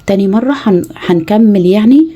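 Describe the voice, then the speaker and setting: A woman's voice: mid-range voice, expressive, brisk, warm tone, dull audio. A woman with an Egyptian Arabic accent, teaching mothers how to tutor their children, patiently spelling out letters one by one. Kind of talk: home tutoring lesson.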